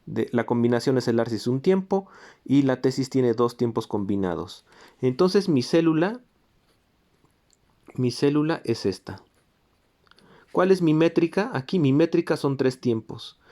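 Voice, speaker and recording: A man's voice: medium pitch, lively intonation, measured pace, long pauses, dark tone. A man teaching a music theory lesson. He walks through examples and sings short rhythm syllables to demonstrate them. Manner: pointing to examples on a board. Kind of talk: recorded lecture.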